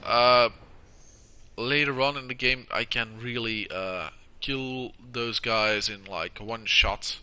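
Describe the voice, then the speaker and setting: A man giving casual, halting video game walkthrough commentary, crowded with uhs, sounding stuffed up from tissue in his nose. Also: medium pitch, fairly even intonation, pushed and bright, smooth. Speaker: gameplay video host.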